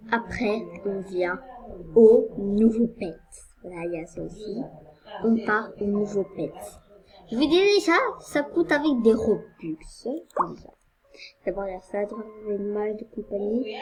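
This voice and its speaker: A woman's voice: medium pitch, rough recording. A woman casually commenting on a game as she plays, in a hesitant, rambling way with many fillers. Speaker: gaming video creator.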